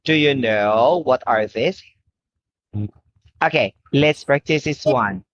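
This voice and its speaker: A woman's voice: a bass voice, takes it slowly. A woman teaching a one-on-one English lesson to a young child, encouraging and modelling simple phrases as if talking to a toddler. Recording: dull, noisy lo-fi class recording.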